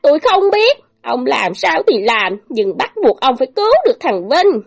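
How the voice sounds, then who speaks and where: A woman voicing a scheming, quarrelsome middle-aged stepmother who shouts shrilly in a storybook reading. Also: high voice, big pitch swings, moderate pace, gravelly, breathy edge, lo-fi sound, faint music behind, pitched above the performer's own voice, heavily acted. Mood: shrill.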